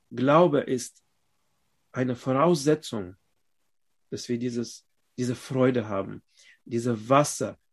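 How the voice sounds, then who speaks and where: Slow, halting male preacher. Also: mid-range voice, slightly rough. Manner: slow, halting delivery with pauses, rising loud when reading scripture aloud. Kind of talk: sermon.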